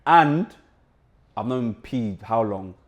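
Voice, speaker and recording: A man's voice: medium pitch, expressive, slow. London roadman-accented young male podcast host. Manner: London roadman slang, informal and banter-heavy. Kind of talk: casual chat.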